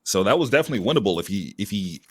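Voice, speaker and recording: A man doing live esports commentary as a caster, lively and husky, with casual asides. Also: fairly low pitch, very fast. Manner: animated esports caster delivery. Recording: music behind the voice. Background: music.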